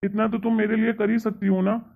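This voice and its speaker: A man's voice: high voice, flat delivery, brisk, gravelly. A man voicing a husband who pleads with his wife and reproaches her, in a cartoon story. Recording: tinny phone-like sound.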